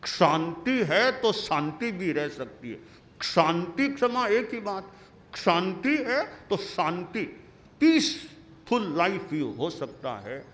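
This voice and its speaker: Man, monastic teacher, sermon, storytelling, high voice, slow pace. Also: sing-song, a bit bright. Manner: deliberate storyteller, repeats key words.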